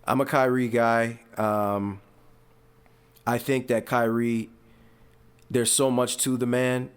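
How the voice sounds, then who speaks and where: A man's voice: medium pitch, takes it slowly, clear, resonant tone. Rambling male sports commentary host. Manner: rambling, animated asides with shifting energy; uses fillers and restarts, talks casually.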